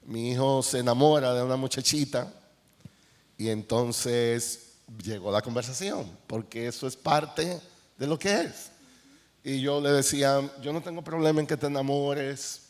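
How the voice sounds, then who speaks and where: A man's voice: mid-range voice, measured pace. Dominican man counseling on a panel. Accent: Dominican Spanish. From Dominican Republic. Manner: storytelling, animated anecdotes with quoted dialogue. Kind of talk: conference panel discussion. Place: large conference hall. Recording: reverberant hall.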